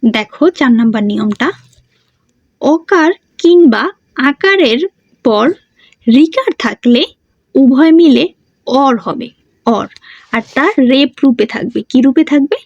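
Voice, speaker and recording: A woman's voice: high-pitched, lively intonation, slow, long pauses, a little mellow, dry recording. A woman teaching a grammar lesson. She asks questions and answers them herself, and she repeats the key words. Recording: dull muffled sound, dry.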